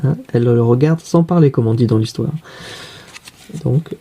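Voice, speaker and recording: A man with a very dark, husky voice gives a reading lesson for young children. He speaks slowly and patiently, explaining each card and stopping to ask what it says. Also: medium pitch. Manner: slow, patient, questioning explanations. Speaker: teacher.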